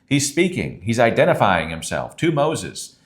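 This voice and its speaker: A man's voice: fairly low pitch, wildly swooping pitch, normal speed. A man who is a pastor, teaching a sermon in an earnest, conversational way and reading scripture aloud.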